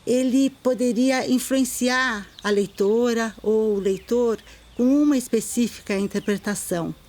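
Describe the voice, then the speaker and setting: A middle-aged woman with a Brazilian Portuguese accent gives a video lesson on poetry, explaining in a calm, measured way and slowing down to recite short poems. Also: on the high side. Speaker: poetry teacher.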